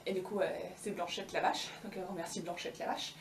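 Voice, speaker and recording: A woman's voice: lowish voice, steady tone, fairly quick, roomy sound, far from the mic, a little hiss or hum. A young woman casually retelling a fairy tale with slangy, ironic asides and many fillers. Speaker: storyteller.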